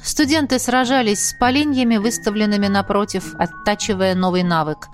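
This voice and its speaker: A woman reading a fantasy audiobook in steady scripted narration. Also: medium pitch, brisk, soft background music.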